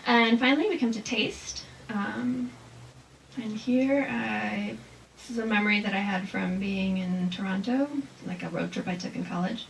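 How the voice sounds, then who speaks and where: Woman, poet, informal reading and talk, medium pitch, deliberate verse delivery, noisy room recording. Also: distant mic. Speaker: haiku poet presenting her work. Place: live reading before a small audience. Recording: noisy room with clear background noise.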